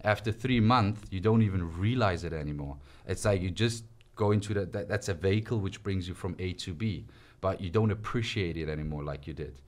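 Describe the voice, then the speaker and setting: A young man with a low voice talks through his story in a relaxed, chatty way. He gestures freely as he speaks in a small indoor podcast studio. His voice is picked up close by a studio microphone on a stand. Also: brisk. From Switzerland. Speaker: guest. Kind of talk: casual interview conversation. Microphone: studio mic on stand.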